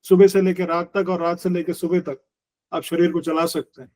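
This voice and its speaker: Man in his sixties, yoga teacher, earnest explaining, high voice. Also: flat delivery, normal speed, darkish tone. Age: 60s. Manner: earnest, explanatory, mixes Hindi and English, uses everyday analogies. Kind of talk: conversational interview.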